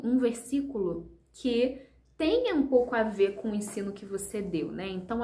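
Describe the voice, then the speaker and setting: A woman's voice: on the high side, darkish tone. A woman explaining step by step how to lead children's ministry, talking directly to viewers in a patient, encouraging way with many fillers. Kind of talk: instructional video talk.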